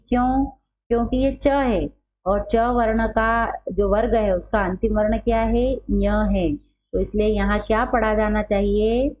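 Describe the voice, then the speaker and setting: A woman teaching a grammar lesson, who poses questions to the class and answers them herself, repeating key terms. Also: fairly high pitch. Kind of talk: Hindi grammar lesson, explaining at a board. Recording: dull lo-fi recording with faint hum.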